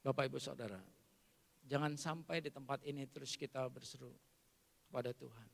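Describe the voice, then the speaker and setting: A pastor with an Indonesian accent preaching a sermon, swinging from loud emphatic lines to hushed asides. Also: male voice, mid-range voice, fairly even intonation, brisk, gravelly. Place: large church hall. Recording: long hall reverb.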